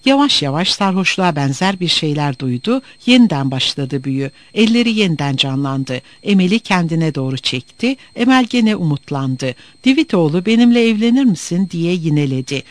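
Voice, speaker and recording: A man reading a novel aloud as narrator, in an expressive, dramatic way. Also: on the high side, normal speed, hardly any pauses, no echo.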